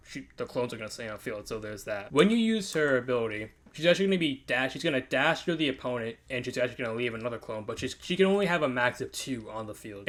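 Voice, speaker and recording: A man's voice: mid-range voice, a bit bright. A tired young man rambling through casual commentary on a game update, often restarting his sentences and correcting himself. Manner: rambling, self-correcting, frequent fillers and restarts. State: tired from staying up late. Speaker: gaming content creator.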